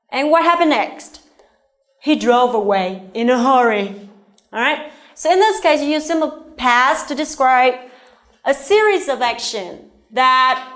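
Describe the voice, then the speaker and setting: A woman with a Vietnamese accent teaching an English grammar lesson, slow and deliberate, often checking in with her students. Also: high-pitched, a bit bright. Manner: slow and deliberate, checks in with "all right?" and "okay?".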